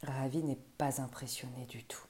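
A woman storyteller reading a children's tale aloud in a gentle voice that often drops to soft, hushed tones. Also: very deep voice, steady tone, moderate pace.

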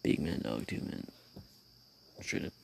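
A man hosting his own podcast tells a rambling, profane story in casual slang, speaking unhurriedly while sitting outside at night. There's slight background noise.

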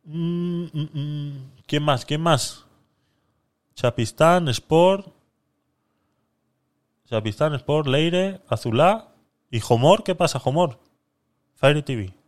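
A man's voice: on the high side, drawn-out words, long pauses. A man hosting a live-stream podcast, chatting casually with viewers while he talks himself through a giveaway. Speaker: livestream podcast host.

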